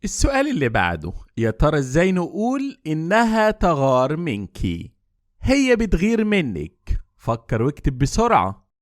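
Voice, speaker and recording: A man with an Egyptian Arabic accent teaching English, quizzing his viewers and saying the model phrases slowly and deliberately. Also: on the high side, dry recording, clean studio sound. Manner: lively quizzing delivery. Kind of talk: language lesson quiz.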